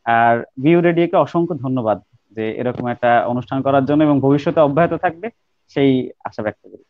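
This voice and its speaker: A man's voice: mid-range voice, a little fast, dry recording, phone-quality sound. A young man, a university student guest, chatting casually and hesitantly with many filler sounds. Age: young adult. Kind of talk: casual chat with poem recitation.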